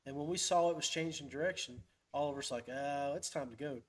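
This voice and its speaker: A man with a voice on the high side hosts a fishing podcast, talking fairly quickly. He chats casually and tells folksy, rambling stories.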